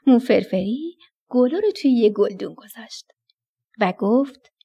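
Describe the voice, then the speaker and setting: A woman narrating a children's bedtime story on the radio, affectionate and animated as she addresses the kids. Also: on the high side, slightly rough, dull audio.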